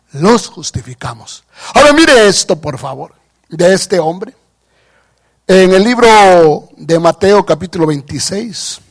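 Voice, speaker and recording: A man delivers a sermon in a high, lively voice. He preaches with passion, pushing his emphatic lines loud and letting asides fall to near quiet. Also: breathy edge. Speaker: pastor.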